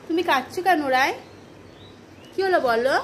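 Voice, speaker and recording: A woman's voice: high-pitched, normal speed, a little hiss or hum. A woman talking to her small child in a coaxing, sing-song way, asking many questions. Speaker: mother filming her child. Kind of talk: casual chat with a child.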